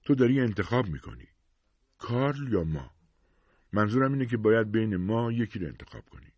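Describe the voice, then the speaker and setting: A man's voice: fairly low pitch, lively intonation, husky, no echo, highs cut off, pitched above the performer's own voice. A man voicing an anxious, upset young wife with a sick baby, pleading and insistent, in an audiobook reading. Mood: firm.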